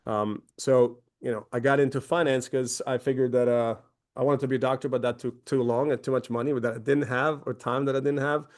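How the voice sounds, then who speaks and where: In this webinar presentation, a Croatian company founder in his forties speaks conversationally, with lots of fillers and restarts. His voice is medium-pitched and steady, and he talks briskly.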